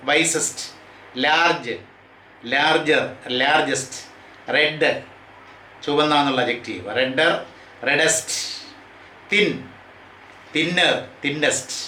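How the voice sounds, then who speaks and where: A man lectures on grammar for exam students, his voice bright and a little high. He reads each rule out slowly, then drills the word forms one after another. The room is echoey, with a faint hum of ambience behind him. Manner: reads English rules out slowly, then explains them at a quicker pace. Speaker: English grammar teacher.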